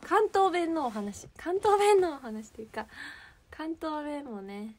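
Young Kansai woman, high bright voice, livestream host, chatty and rambling. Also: very animated, takes it slowly. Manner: chatty, rambling, searching for words. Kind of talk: casual livestream chat.

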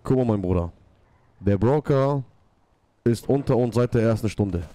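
A man's voice: mid-range voice, normal speed, warm tone. A man in his thirties role-playing a gang boss in an online game, commanding and full of street slang, on a desk mic. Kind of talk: in-character gaming role-play talk. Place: small room at home, indoors. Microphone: desk mic near the mouth, with headset.

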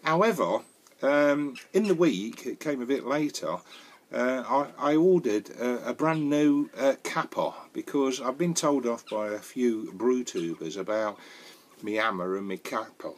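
Speaking unhurriedly with lively intonation and a medium pitch, the older Northern English brewer chats jokily through his product review. He rambles, uses fillers, swears mildly, and films close up on an action camera in his wooden shed.

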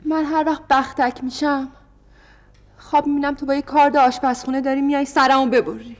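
A woman's voice: sits high, steady tone, lightly acted. An actress playing a frightened young wife in a televised stage drama, telling her mother about her nightmares with an anxious, pleading manner. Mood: troubled. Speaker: daughter.

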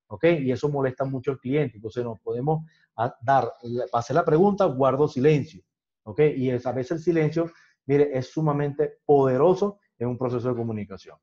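A man's voice: mid-range voice, warm tone. A man lecturing a sales training class, constantly checking in with his students by asking "ok?" in a conversational teaching manner. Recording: dull lo-fi sound.

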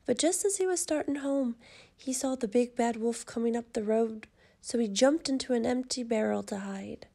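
Warm, gravelly woman reading a story. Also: on the high side, normal speed.

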